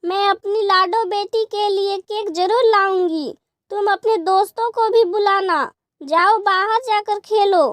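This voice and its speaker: A woman voicing a worried, gentle, poor young mother in a cartoon story. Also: extremely high pitch, fairly even intonation, a little slow, no echo.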